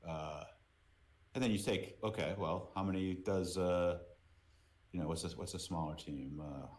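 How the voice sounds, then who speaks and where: Talking unhurriedly in a voice that sits low, this middle-aged Boston man with an American accent appears as a podcast guest and works as a merchandise business executive. His casual speech is full of repeated words and frequent "you know"s.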